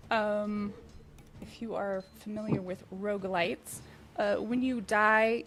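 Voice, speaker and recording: A woman's voice: medium pitch, slight background noise. A woman hosting a live game stream. She is easygoing and laughs often while she plays and explains. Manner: giggly, easygoing, unhurried. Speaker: stream host.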